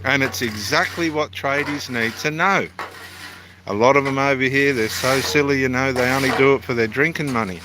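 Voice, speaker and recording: At a moderate pace and mid-range pitch, a middle-aged Australian theologian and evangelist offers meandering, self-deprecating remarks to camera. The homely chat happens at a building site near the water, with noticeable background noise.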